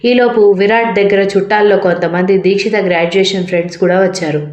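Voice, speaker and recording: A woman reading a romance story aloud in a steady narrating manner. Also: medium pitch, fast talker, roomy sound.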